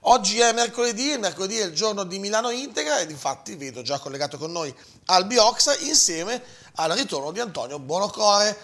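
A man's voice: sits high, animated, a little fast, a bit bright. A man hosting a morning radio show, chatting casually and introducing guests. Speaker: radio host.

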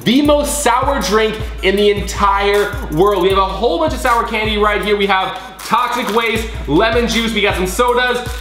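A young man hosting a challenge video, excitable and hyped, counting down loudly before each dare. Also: high voice, moderate pace, hardly any pauses. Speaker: YouTube host. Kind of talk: energetic challenge video chat. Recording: roomy sound with music behind.

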